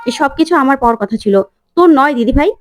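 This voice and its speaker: A woman's voice: high voice, lively intonation, fast, no echo, clean studio sound. A woman voicing a scheming, jealous young woman who speaks in a whiny, defiant way. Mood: sulky.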